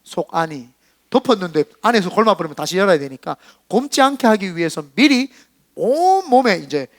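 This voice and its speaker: A middle-aged Korean pastor with a fairly high voice preaches in a church, telling his own story with lively shifts between hushed and loud moments. The sound is close and dry, with little room around it. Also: no echo. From South Korea. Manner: animated storytelling, acting out dialogue with rising and falling loudness. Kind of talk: sermon with personal testimony.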